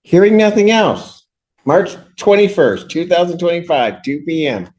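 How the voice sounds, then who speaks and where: A man's voice: a little high, lively intonation, normal speed, a little mellow, lo-fi sound. A man presiding as a judge in court, curt and admonishing with the parties. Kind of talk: courtroom proceedings.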